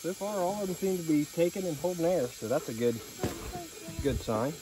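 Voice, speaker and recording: A man's voice: fairly high pitch, brisk. Easygoing man vlogging in noisy woods. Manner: relaxed, easygoing, many "uh" fillers. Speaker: vlogger, host. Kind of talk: casual narration to camera. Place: outdoors in snowy winter woods. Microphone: handheld camera close to his face. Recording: loud outdoor noise and engine sounds.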